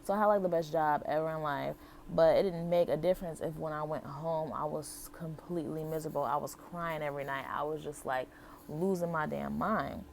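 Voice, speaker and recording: Telling her life story casually to her viewers, this young adult vlogger from Buffalo, New York, and Las Vegas speaks candidly and repeats things for emphasis. Her low, steady voice is brisk, creaky and a little mellow, with a little hiss or hum behind it.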